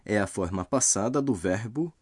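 Man, lesson narrator, slightly low voice, husky, dry sound, careful explanations. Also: expressive, no echo. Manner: slow, careful explaining of grammar rules. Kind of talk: scripted language lesson narration.

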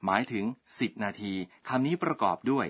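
Bright-voiced man teaching a language lesson. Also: mid-range voice, lively intonation, brisk, breathy edge. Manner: polite, explains word by word.

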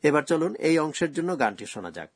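A man presents a scripted language lesson, walking through grammar rules slowly and with care. His voice is husky, and the recording is dry and close with no room sound. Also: on the high side, big pitch swings, no echo. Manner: slow, careful explaining of grammar rules.

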